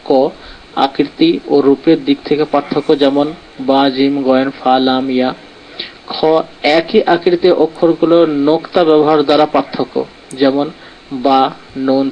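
A man's voice: on the high side, highs cut off, slight background noise. A man teaching an online lesson, patiently explaining step by step and reading from a textbook. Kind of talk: online lesson on Arabic letters and pronunciation.

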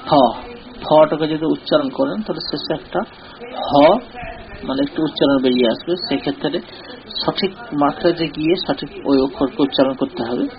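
A man teaching in a slightly higher-than-usual voice, patient and deliberate. He sounds out short syllables one by one and repeats them for his listeners. The recording is dull and lo-fi. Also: gravelly. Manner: slow, deliberate explaining, repeating drilled syllables. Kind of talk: recorded lesson.

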